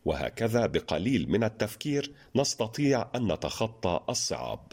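A man's voice: fairly low pitch, big pitch swings, fairly quick. A man hosting a radio show, reading listener letters in a formal standard register. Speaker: radio program host.

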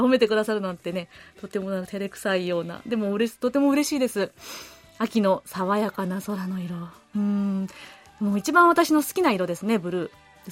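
A woman hosting a radio show, reading listener letters aloud and chatting about them in a friendly, gentle way with soft laughs. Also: medium pitch. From Korea. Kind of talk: casual radio talk. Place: radio studio.

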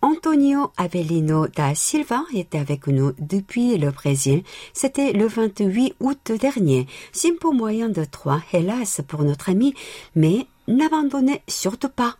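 Husky woman radio host, very lively intonation. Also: mid-range voice, measured pace, no room sound. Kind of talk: scripted presenting, reading listener reports and letters aloud.

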